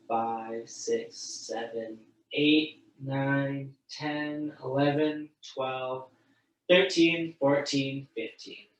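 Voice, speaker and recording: A man's voice: medium pitch, recorded from a distance. Stretch instructor guy, laid-back and encouraging, stands back from a desk mic in an echoey room. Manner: casual and encouraging, counts holds aloud. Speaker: fitness instructor. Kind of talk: guided stretching class. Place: room, moving away from the mic while standing.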